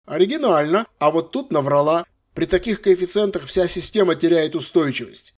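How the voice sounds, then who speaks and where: A man's voice: a little high, expressive, darkish tone. A man doing a stern old archmage grandfather. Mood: lecturing. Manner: cold, unhurried, commanding.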